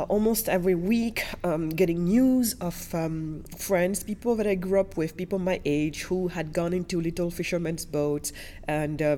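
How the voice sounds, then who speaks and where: Fairly low and mellow, her voice has a little hiss or hum behind it. She's an interview guest from Senegal who later lived in Germany and France, telling personal stories with emphasis and repeating words for stress.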